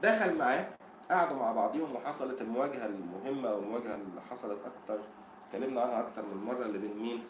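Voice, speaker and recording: A man with an Egyptian Arabic accent teaching English for an exam, explaining in Arabic between slow English quotes and asking the class questions. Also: mid-range voice, echoey room, a little hiss or hum. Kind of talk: exam-prep lesson.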